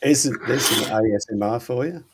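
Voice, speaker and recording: A man's voice: medium pitch, brisk. A man in his fifties in casual group chat, laid-back and joking. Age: 50s. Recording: noisy line.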